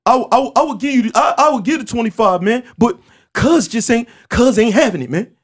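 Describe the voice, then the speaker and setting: A podcast host in his forties holds court on a casual show in a fairly high voice. He speaks with emphatic, animated energy, uses street slang, and stumbles into quick restarts before driving his point home.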